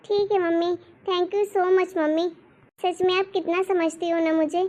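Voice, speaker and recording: A woman's voice: extremely high pitch, steady tone, a little slow, a little mellow. A woman voicing a spoiled, demanding young college girl in a cartoon story. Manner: whiny and demanding. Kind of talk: cartoon voice acting.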